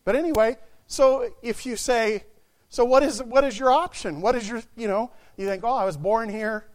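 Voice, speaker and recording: Guy preaching a sermon, pretty high voice, goes quiet then shouts. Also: moderate pace. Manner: animated, swings from quiet asides to shouted exclamations.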